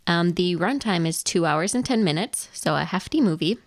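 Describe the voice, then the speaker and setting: A woman from Wisconsin co-hosts a podcast from a home studio and gives her opinions plainly, with a few fillers. Her voice is lower than most women's. The sound is very dry, with no room echo. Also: lively intonation, normal speed. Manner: matter-of-fact, frank opinions with fillers. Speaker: podcast co-host. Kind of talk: casual chat.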